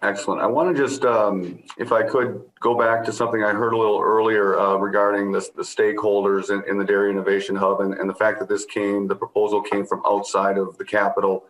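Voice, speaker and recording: A middle-aged man moderating a panel over a video call, asking polite, measured questions. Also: on the low side, little pitch movement, fairly bright tone. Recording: echoey room.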